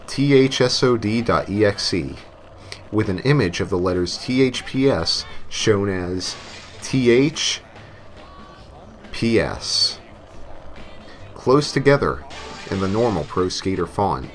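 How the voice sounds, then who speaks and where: Reading a scripted story as narrator, this man speaks slowly in a lowish, animated voice, leaving long pauses. His delivery is tongue-in-cheek, occasionally hammed up, while novelty songs and game music play in the background.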